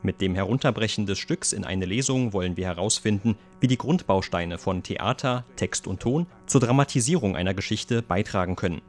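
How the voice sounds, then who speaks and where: A man's voice: fairly low pitch, fairly quick, few pauses, faint music behind. A man reading a scripted voice-over for a radio report. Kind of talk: scripted voice-over translation of a speaker.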